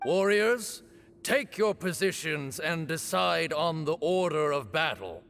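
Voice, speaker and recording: A man's voice: fairly high pitch, animated, slow, gravelly, fairly bright tone, slight background noise, exaggerated voice. A man playing a stern, formal duel arbiter in a video game, speaking in a ceremonial, commanding manner.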